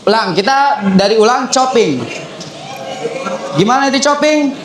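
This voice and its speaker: A young man with a very high voice coaches students in public speaking. He explains step by step and repeats his phrases as he demonstrates. The sound bounces around an echoey hall. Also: expressive, a little slow, crowd noise. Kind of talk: lively seminar teaching to students. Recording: echoey room.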